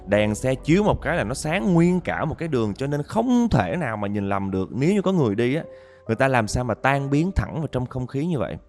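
A man's voice: mid-range voice, very animated, quick pace, a little mellow, soft background music. A man narrating a listener's ghost story, talking straight to his audience with dramatic storytelling.

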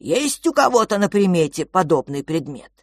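A woman voicing a calm, weary old male sage who reasons slowly and sighs between thoughts. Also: on the low side, dry recording, clean studio sound. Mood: weary reasoning. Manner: measured, sighing, reasoning.

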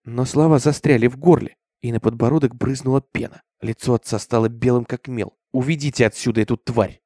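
A man narrating a horror story with an intense, expressive delivery. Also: mid-range voice, a little fast, dry recording, clean studio sound. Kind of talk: dramatic horror story reading.

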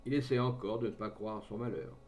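A man's voice: on the low side, steady tone, brisk, darkish tone, slight background noise, close to an everyday voice. A man reading aloud voices a gallant, blunt cavalry colonel, unsure with ladies and bluff with friends. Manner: hesitant with women, bluff with friends.

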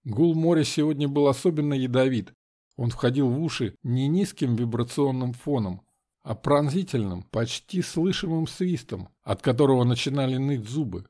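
A man reading a first-person audiobook in a measured, dramatic way. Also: medium pitch, expressive, dark tone. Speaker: audiobook narrator.

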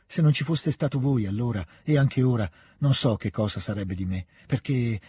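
A man's voice: medium pitch, moderate pace, dark tone, breathy edge, no room sound, clean studio sound. A man voicing a heartfelt young woman. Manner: earnest, tender.

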